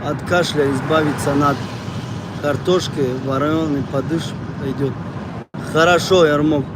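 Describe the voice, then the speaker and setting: His voice sits on the high side with fairly even intonation and a slightly slow pace. The Tajik streamer rambles casually to viewers, repeating phrases, against noisy outdoor or car street noise.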